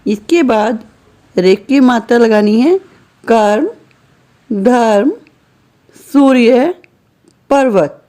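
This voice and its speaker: A woman's voice: on the high side, very slow, long pauses, warm tone. A woman teacher patiently taking young pupils through workbook answers, reading out each word one at a time. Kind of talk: slow classroom exercise walkthrough.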